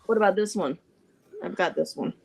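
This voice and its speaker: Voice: mid-range voice, expressive, a little fast, vocal fry, breathy edge. A live stream host chatting in a rambling, casual way about a card collection. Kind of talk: casual chat.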